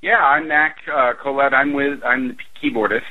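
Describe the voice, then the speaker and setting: A man in his forties, a keyboardist, speaking slowly and reflectively as a radio interview guest. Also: medium pitch, steady tone. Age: 40s. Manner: slow, halting, reflective. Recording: tinny phone line.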